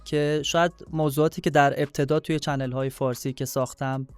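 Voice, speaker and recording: A man's voice: on the high side, flat delivery, clean tone, dry recording, soft background music. A young man, explaining things conversationally as an interview guest. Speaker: guest, YouTuber.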